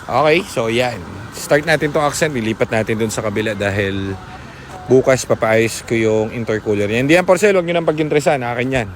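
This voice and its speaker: A man from the Philippines walks through his parking garage showing off used cars in a relaxed vlog, joking as he goes. His voice sits at an ordinary middle pitch. Outdoor hum and traffic noise carry steadily behind him. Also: brisk. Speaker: used car seller and vlogger. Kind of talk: casual vlog walkthrough. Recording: noisy outdoor ambience.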